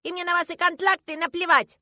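A woman's voice: very high-pitched, level tone, fairly quick, sharp tone, dry recording, voice pushed up, exaggerated voice. A woman voicing a stubborn, indignant five-year-old girl who insists like a strict little teacher.

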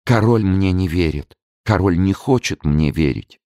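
A man's voice: low-pitched, expressive, measured pace, darkish tone, no echo, clean studio sound, voice pushed up. A man reading the part of a desperate young woman who pleads fervently and tearfully with a king, in an audiobook. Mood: pleading desperate.

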